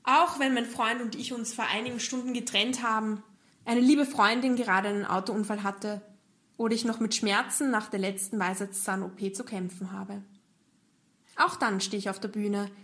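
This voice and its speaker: A woman's voice: a little high, fairly bright tone. A woman with an Austrian German accent, performing a scripted cabaret monologue in a playful way. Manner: playful, acts out joke voices. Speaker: cabaret artist.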